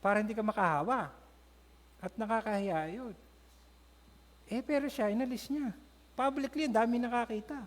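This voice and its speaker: Filipino-accented male pastor, high voice, animated storyteller, long hall echo. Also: moderate pace, pauses often. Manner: storytelling, acting out characters' lines. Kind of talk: Bible class teaching. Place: church hall.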